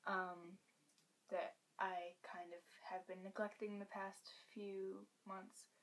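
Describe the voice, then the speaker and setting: Hushed teen girl vlogging at home. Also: medium pitch, little pitch movement, slow pace. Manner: hushed half-whisper, rambling with fillers. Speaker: pet vlogger. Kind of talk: casual vlog update.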